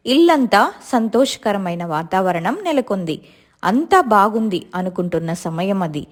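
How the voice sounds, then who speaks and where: A woman storyteller narrates a domestic family drama with expressive, dramatic delivery. Her voice sits at an ordinary middle pitch.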